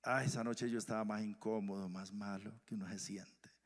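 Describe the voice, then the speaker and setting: A male pastor from Colombia preaching a sermon, swinging from loud emphasis to hushed whispers. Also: lowish voice, fairly even intonation, normal speed. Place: church hall. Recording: church hall reverb.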